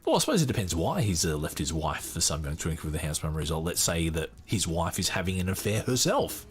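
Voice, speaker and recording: A podcast host offers casual, off-the-cuff commentary haltingly, frequently muttering asides to himself. His voice is low with big swings in pitch.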